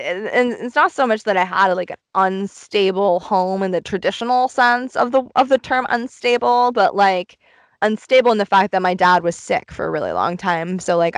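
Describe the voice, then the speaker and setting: A woman's voice: medium pitch, a little fast, no echo. A woman hosting a podcast from inside a small closet, chatting casually, candid and introspective in a rambling, confessional way. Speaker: podcast host. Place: recorded inside a small cluttered closet, dry close sound.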